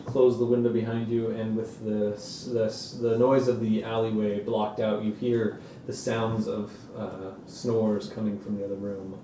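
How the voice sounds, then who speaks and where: A man narrating a tabletop game as game master, describing scenes in halting, filler-heavy improvised speech. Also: on the low side, level tone, roomy sound, far from the mic, noisy background.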